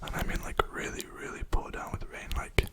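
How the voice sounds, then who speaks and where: A young man rambles casually for an ASMR video in a soft, breathy, soothing whisper, his pace fairly quick.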